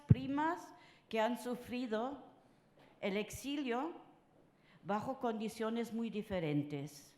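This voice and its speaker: Older woman, conference panelist, halting delivery, slow pace, reverberant room. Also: medium pitch, darkish tone. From France. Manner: halting, with many filler sounds. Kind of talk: personal talk at a round table. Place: conference hall. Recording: roomy conference hall sound.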